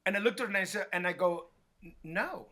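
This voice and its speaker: A man, a hairstylist guest, telling a story in an animated way and acting out what others said. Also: sits high, quick pace. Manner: acts out quotes with lively voices, many restarts.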